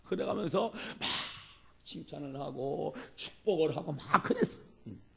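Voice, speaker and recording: Male pastor, evening sermon, husky, gravelly voice, a little high, lots of swing in the pitch. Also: measured pace. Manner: animated, acts out quoted speech.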